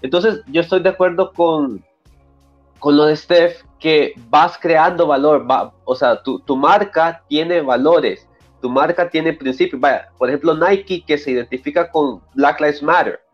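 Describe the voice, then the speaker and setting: A man's voice: on the high side, measured pace. Man, dull lo-fi sound. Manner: conversational, reads viewer comments aloud. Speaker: co-host. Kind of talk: casual podcast talk. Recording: dull lo-fi sound with faint music.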